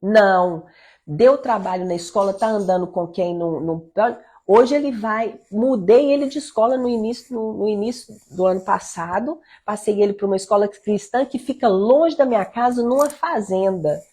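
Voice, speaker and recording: A middle-aged woman leads an informal devotional teaching for mothers from her home. Her voice is husky and a little breathy at a mid pitch. She speaks with earnest conviction and keeps urging her listeners to hold firm. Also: moderate pace, mellow. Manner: earnest, exhorting, quotes her own talks with her son. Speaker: leader of a mothers' prayer group.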